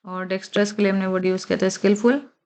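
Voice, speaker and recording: A woman teaching a vocabulary lesson, slowly spelling out and repeating English words and checking in with the listener often. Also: medium pitch, fairly even intonation, a little mellow.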